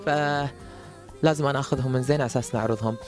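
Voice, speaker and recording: A man's voice: mid-range voice, fairly even intonation, fast. A man hosts a casual behind-the-scenes chat. He talks in a playful, teasing way. Light music plays faintly behind him. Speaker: host.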